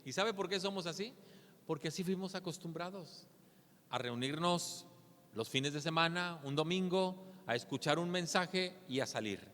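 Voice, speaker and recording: A man's voice: a little high, a bit bright, big-room sound. A man preaching a sermon as a pastor. He speaks earnestly and keeps asking rhetorical questions. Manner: earnest, asks rhetorical questions with a tag "¿verdad?".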